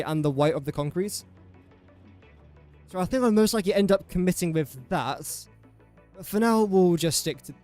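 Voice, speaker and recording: A young English man streams a building game, chatting casually and addressing the pieces he places in a self-deprecating way. His voice is a little high with a darkish tone.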